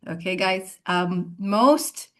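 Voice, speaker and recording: A woman's voice: medium pitch, takes it slowly, a bit bright. Woman, online seminar host, chatty, friendly. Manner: friendly, chatty, laughs often. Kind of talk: casual online seminar hosting.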